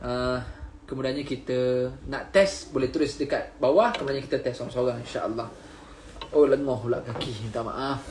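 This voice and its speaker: A Malaysian man teaching Quran recitation live, patiently explaining pronunciation and chanting verses slowly. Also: medium pitch, echoey room, background noise. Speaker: religious teacher.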